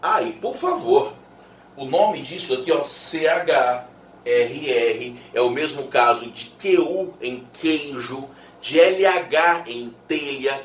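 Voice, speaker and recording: A Brazilian Portuguese-speaking male teacher gives a lively classroom lecture and keeps checking in with his students through quick rhetorical questions. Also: on the high side, slight background noise. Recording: roomy echo from a distant mic.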